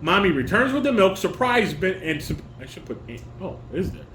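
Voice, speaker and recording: A dad leads a family table read at home, reading stage directions and coaching the others in an animated voice. He reads haltingly, often correcting and repeating himself, and the recording is roomy with some noise.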